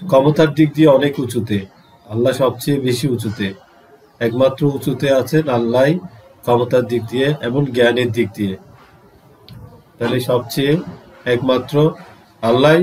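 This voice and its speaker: A man with a Bangladeshi accent gives a vocabulary lesson at a very slow, patient pace. He drags out each word and repeats it for his students. His voice sits at a middling pitch, with a faint hiss in the background. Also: a little mellow, low-quality recording. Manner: drawn-out pronunciation drills, repeating words. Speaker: English teacher.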